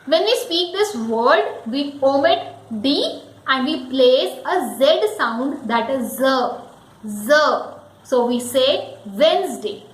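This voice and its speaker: Woman, teacher, unhurried and deliberate, echoey room. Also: high-pitched, a bit bright. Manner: slow, careful, spells out letters. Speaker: English teacher. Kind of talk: pronunciation lesson.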